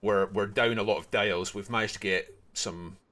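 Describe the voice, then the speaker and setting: A man's voice: on the low side, steady tone, normal speed, a bit bright. A man streaming a survival game, chatting casually and rambling with frequent restarts. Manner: rambling, chatty, self-correcting. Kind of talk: casual livestream chat while gaming.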